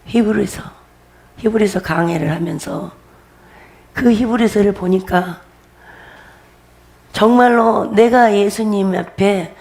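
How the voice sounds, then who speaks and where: A middle-aged woman pastor delivers a testimony sermon with a gravelly, creaky edge to her voice. She speaks at an ordinary pitch, pressing her points by repeating them and laughing between phrases. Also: slow, pauses often, darkish tone. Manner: emphatic, repetitive, laughs while preaching.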